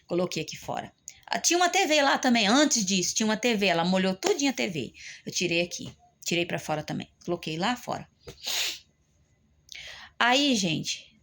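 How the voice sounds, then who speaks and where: Brazilian woman, rambling talk, fairly high. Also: a bit bright. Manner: rambling, often turns to viewers. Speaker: family caregiver. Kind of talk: casual vlog talk to viewers.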